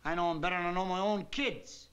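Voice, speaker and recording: Exasperated American husband and nephew, middle-aged, high-pitched, wisecracking 1950s sitcom delivery. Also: male voice, fast, a bit bright. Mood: wry. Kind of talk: 1950s television sitcom acting.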